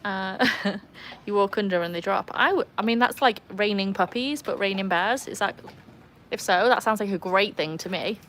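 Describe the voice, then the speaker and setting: A mid-range, fairly bright female voice at normal speed, with slight background noise. She is a young woman from Wales, accent part Welsh and part English, running a laid-back poolside livestream where she chats, reads out comments and laughs easily.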